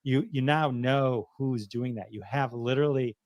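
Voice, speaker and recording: A man's voice: mid-range voice, moderate pace, darkish tone, no room sound. A man talking as a podcast guest, explaining in a loose, rambling way with frequent restarts and easy laughter. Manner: rambling, self-correcting, laughs easily. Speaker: podcast guest, software founder. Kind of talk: casual conversational explaining.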